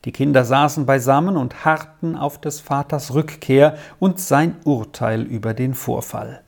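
An audiobook narrator telling a children's story in a calm, measured way. The voice sits at a middling pitch and stays even from sentence to sentence. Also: creaky. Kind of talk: scripted narration of a children's novel.

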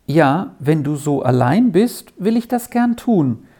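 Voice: medium pitch, very animated, slow pace, dark tone. A storyteller voicing a shy, timid little girl in a children's storybook, with a lifted young-sounding voice. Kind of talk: storybook reading.

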